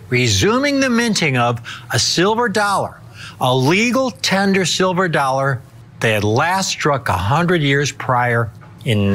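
A middle-aged American man giving a hard sell infomercial pitch with emphatic, deliberate, dramatic stress. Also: a bit bright. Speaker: TV coin pitchman.

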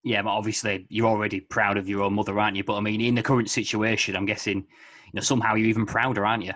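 Young man, interviewer, quick talker, lowish voice, earphone mic video call, rambling leading questions. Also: little pitch movement, fairly bright tone. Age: young adult. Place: bedroom at home, indoors.

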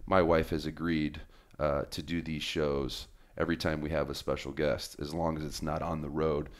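Very deep-voiced earnest podcast host, a man. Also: level tone, moderate pace. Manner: earnest and affectionate, with frequent fillers. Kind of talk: casual interview hosting.

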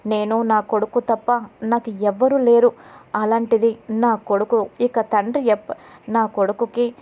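A woman's voice: fairly high pitch, level tone, moderate pace, dull audio, natural voice. A woman narrator voicing a harsh, scheming middle-aged mother-in-law who speaks bluntly and scolds. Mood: aggrieved.

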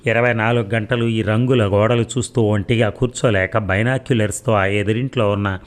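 A man's voice: fairly low pitch, fairly even intonation, fairly quick, lightly acted. A man voicing an unhappy young married woman whose lines are pleading and bitter, in a read-aloud story.

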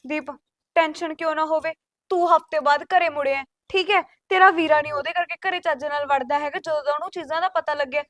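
A woman's voice: high voice, steady tone, fast talker, a bit bright, dry recording, studio quality. An actress playing an exasperated sister-in-law in a Punjabi village drama, insisting a woman be thrown out of the house. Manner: insistent, complaining. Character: fed-up sister-in-law demanding eviction. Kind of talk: rural village drama acting.

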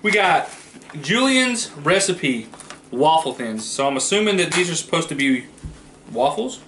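A man's voice: fairly high pitch, sing-song, a little slow, noisy background. A man, a dad hosting a casual taste-test vlog, joking and reacting playfully as he talks.

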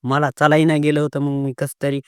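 A man's voice: fairly high pitch, monotone, fast, smooth, dry recording, studio quality. A man, telling a story at length in a casual vlog, circling back and repeating himself. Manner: rambling and repetitive, retelling events with many restarts. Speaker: vlogger.

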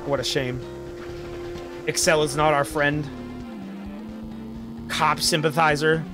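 A man playing a disapproving villain with slow, theatrical menace. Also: fairly high pitch, level tone, music in the background, voice pushed down. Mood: menacing.

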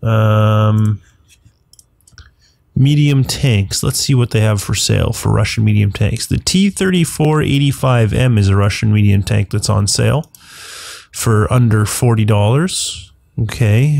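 A man's voice: medium pitch, gravelly, a little mellow, no echo, studio quality. A man hosting a gaming channel, congested from the flu, rambling and correcting himself as he talks through a video game. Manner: rambling, self-correcting, thinking aloud. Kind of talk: casual gameplay commentary.

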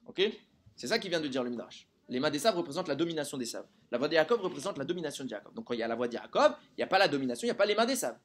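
A man's voice: a little high, big pitch swings, rapid-fire. A man teaching a Torah lesson to a group, keeping listeners engaged with frequent rhetorical questions.

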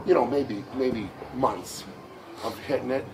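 A man's voice: medium pitch, unhurried, noisy background. A man in his thirties talking casually in a gym as a strongman vlogging his training, with hesitant, trailing phrasing. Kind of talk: casual chat. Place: indoor gym.

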